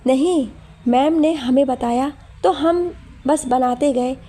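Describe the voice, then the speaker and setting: A woman's voice: sits high, takes it slowly, warm tone. A woman voicing a polite, modest young woman in a storybook reading.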